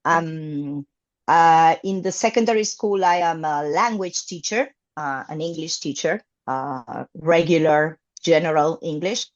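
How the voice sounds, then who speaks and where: Her voice sits low and unhurried, with the highs cut off. She's a native Spanish-speaking English teacher from Argentina in her fifties, a guest in a conversational interview recounting her teaching career haltingly, with frequent fillers and restarts.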